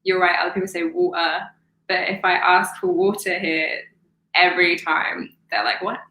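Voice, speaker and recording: A woman's voice: on the low side, moderate pace. A woman with a London accent chatting on a panel, acting out little exchanges as she tells a story. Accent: London English. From London, England. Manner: animated storyteller who acts out exchanges. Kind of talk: casual panel chat. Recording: roomy echo.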